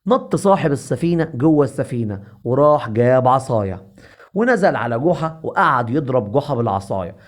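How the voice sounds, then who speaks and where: Fast-talking Egyptian storyteller man. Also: medium pitch. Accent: Egyptian Arabic. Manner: lively, repetitive. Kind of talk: comic folk-tale narration.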